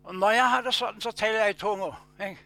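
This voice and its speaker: Bright high-voiced Danish preacher. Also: male voice, fairly even intonation, creaky, soft background music. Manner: swings between loud emphatic bursts and low quiet asides, storytelling. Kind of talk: sermon.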